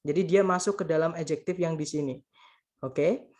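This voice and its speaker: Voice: medium pitch, normal speed, darkish tone. A grammar tutor giving a casual spoken lesson, patiently repeating points and translating each example while addressing the listeners as friends.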